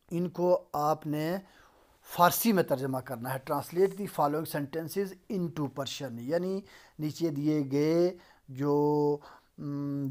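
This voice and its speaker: A man's voice: fairly high pitch, a little mellow. A man lecturing in a recorded lesson over slides, repeating and translating each sentence step by step. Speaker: Persian lecturer.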